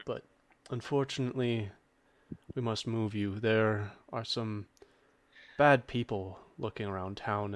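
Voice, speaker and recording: A man voicing a kind male lizard man who speaks slowly and carefully. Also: lowish voice.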